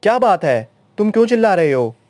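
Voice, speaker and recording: A man voicing a gruff, proud older landowner who is the girl's father. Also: sits high, big pitch swings, brisk, darkish tone, dry recording, voice pushed up. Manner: gruff, dismissive.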